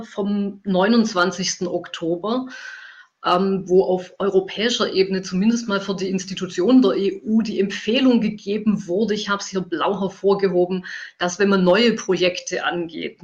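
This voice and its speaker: A man's voice: high voice, fairly even intonation, a little slow, lo-fi sound. A man presenting slides, explaining with frequent fillers and restarts. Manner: hesitant, filler-heavy explaining.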